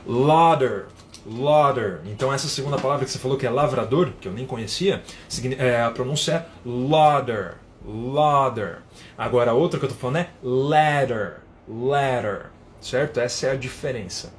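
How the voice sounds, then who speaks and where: A man's voice: mid-range voice, normal speed, a little hiss or hum. A man teaching English on a live stream, explaining patiently and reading out viewer comments as he goes. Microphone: phone.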